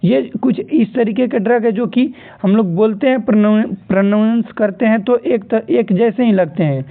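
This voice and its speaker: Over tinny, phone-like audio, a man with a high, creaky voice tutors students through nursing exam questions at normal speed. He repeats key terms and tells them to remember them.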